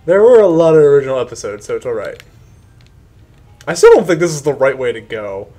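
A man's voice: mid-range voice, sing-song, brisk, mellow. A man hosting a casual let's-play, chatting playfully and slipping into sing-song sound effects. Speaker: gaming video host.

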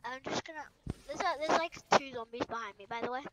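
A woman's voice: sits high, fast, background noise. A woman giving casual, playful commentary while playing a game, singing bits and making silly sound effects. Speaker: gaming channel host.

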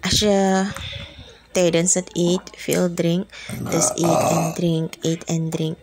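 A woman chatting slowly through a mouth full of food on her eating show, mixing in English. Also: fairly low pitch, monotone, darkish tone, a little hiss or hum. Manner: mixes Dutch with English, unhurried. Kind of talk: casual eating-show chat.

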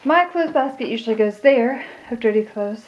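A young woman's slightly high, animated voice moves at a moderate pace as she rambles through a casual indoor tour of her house for her vlog, making distracted asides from room to room. She films on a handheld phone at arm's length, so the audio is muffled and full of handling noise.

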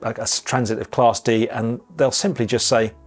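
A man delivers a pilot news briefing in a conversational, lightly wry tone, as if talking to fellow flyers. His voice sits at an ordinary middle pitch. A soft music bed runs faintly underneath. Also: fairly even intonation, moderate pace. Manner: chatty, conversational, occasional wry asides. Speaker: aviation news presenter. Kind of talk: scripted news briefing with asides.

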